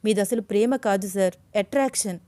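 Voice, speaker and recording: A woman's voice: moderate pace, dry recording, natural voice. A woman voicing a young woman in love who is agitated and fiery, in an audio story. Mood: angry. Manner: shrill, agitated pleading.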